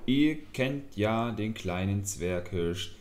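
A man voicing a small, clever male leech in a fairy tale who speaks calmly and lectures. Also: lowish voice, slow, slight background noise. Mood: lecturing. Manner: calm, lecturing, mildly scornful.

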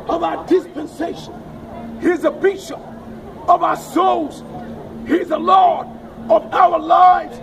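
Older man, street preaching, slow repeated chant, wind and street noise. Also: extremely high pitch, creaky. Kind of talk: open-air street preaching. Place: town square outdoors, kneeling on a mat. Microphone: distant handheld camera. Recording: distant outdoor street recording with noise.

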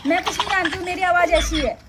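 A woman playing a loud, short-tempered married woman who scolds and shouts in a comedy skit. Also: very high voice, quick pace, noisy background, voice pushed up. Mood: loud scolding.

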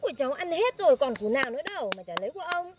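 Young woman, high lively voice, mocking quips. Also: rapid-fire, background noise. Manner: sharp-tongued, mocking. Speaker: comedy sketch actress. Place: outdoors in a field.

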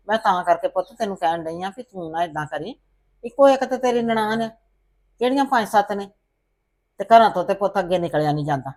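A woman playing a patient, soothing mother-in-law in a family drama who keeps advising calmly. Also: lowish voice. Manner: calm, soothing, calls her "son".

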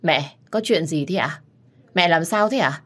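A woman's voice: deep voice, expressive, unhurried, fairly bright tone, full character voice. A woman voicing a polite, bewildered young man speaking to his mother. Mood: puzzled. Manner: polite, puzzled. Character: polite confused young man, dutiful son.

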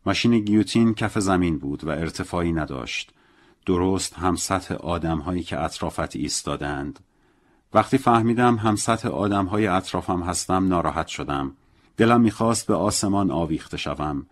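A man reading a novel as a first-person audiobook narrator, in a calm, measured and reflective way. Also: sits low.

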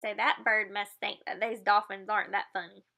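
A woman's voice: medium pitch, little pitch movement, moderate pace, pushed and bright. A woman reading a children's picture book aloud, explaining the pictures and adding playful sound effects.

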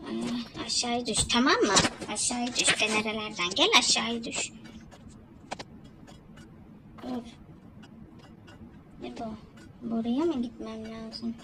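A woman's voice: a little high, expressive, moderate pace, heavy background noise. A woman doing casual let's-play commentary, talking to herself and the game with jumpy exclamations. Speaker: gamer.

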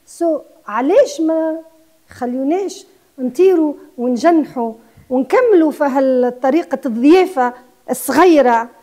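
A woman's voice: sits high, animated, normal speed, warm tone. A Tunisian woman in her sixties who runs a guesthouse, speaking with passion as a TV interview guest and mixing in French words. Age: 60s. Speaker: guesthouse owner.

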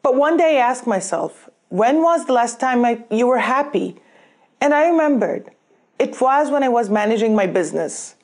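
A woman's voice: fairly high pitch, animated, moderate pace, darkish tone. Earnest woman giving a graduation speech. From Syria. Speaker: graduate speaker. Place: plain indoor backdrop, in cap and gown.

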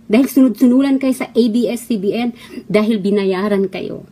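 In a warm, medium-pitched voice at normal speed, a middle-aged former actress from the Philippines airs her opinions in a heated monologue from overseas. She scolds and mocks with a stream of rhetorical questions.

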